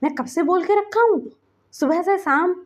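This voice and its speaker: A woman's voice: very high voice, expressive, normal speed, voice pushed up. A woman voicing an emotional young male merman prince who pleads and scolds in a whiny way. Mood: scolding. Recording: slightly dull lo-fi recording.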